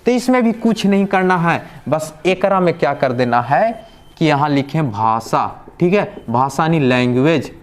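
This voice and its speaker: In a beginner lesson run like a class, a male language teacher speaks in a fairly high, expressive voice. Over and over he poses a question, pauses, then supplies the answer, explaining everything patiently and step by step.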